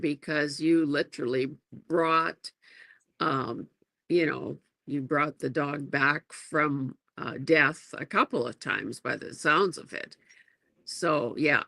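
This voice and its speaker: A woman hosting a livestream interview, responding slowly and thoughtfully with many fillers. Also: deep voice, vocal fry, bright, forceful tone, dry recording. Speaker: host.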